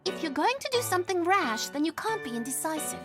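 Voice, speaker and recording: Brash eager young maid for animated drama, super high and bouncy, bit naive. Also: female voice, fast, over loud music. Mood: scheming, cheery. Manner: excitable, pushy, emphatic. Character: brash, ambitious young country housemaid girl, eager and naive. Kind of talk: animated drama dub acting.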